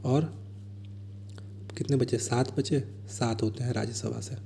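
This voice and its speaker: A man going through exam answers as a teacher, reading each question slowly and then explaining it in quicker asides. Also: medium pitch, steady tone, creaky, dark tone, a little hiss or hum.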